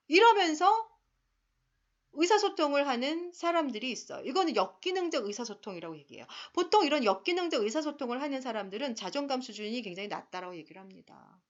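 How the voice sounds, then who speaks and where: A woman's voice: sits high, fairly bright tone, dull audio. A woman giving a recorded lecture who explains step by step and briefly acts out quoted lines. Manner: explanatory, acts out short role-play quotes.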